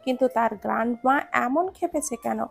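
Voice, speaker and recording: A woman narrating a romance story in a steady storytelling manner. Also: on the high side, normal speed, creaky, faint music behind.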